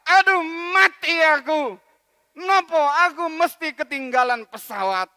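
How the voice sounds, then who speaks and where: A pastor acting out a panicked middle-aged man stuck in traffic, with loud, pleading outbursts. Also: extremely high pitch, sing-song, measured pace, in a large hall, pitched above the performer's own voice, exaggerated voice.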